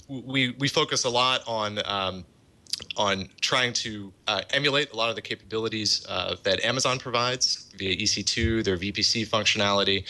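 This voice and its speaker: A man guest on a tech podcast, explaining software in a casual way with many fillers. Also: fairly low pitch, low-quality recording. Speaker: guest, open-source project developer. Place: office in a large city.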